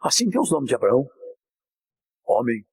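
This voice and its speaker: A man preaching an impassioned sermon, at times shouting and at times dropping low. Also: very animated, moderate pace, husky, rough recording. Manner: impassioned, often shouting, swinging from high to low.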